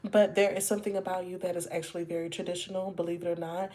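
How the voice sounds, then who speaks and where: A woman's voice: lowish voice, level tone, fast, dark tone. A woman giving a live tarot reading, chatting with viewers and calling them y'all and baby. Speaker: tarot reader.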